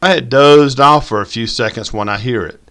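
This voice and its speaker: A man's voice: mid-range voice, normal speed, a bit bright, voice pushed up, lightly acted. A man voicing an older male storyteller, drawling and mocking. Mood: storytelling. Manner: drawling yarn-spinner, mocking. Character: older Southern man, teasing hunting storyteller.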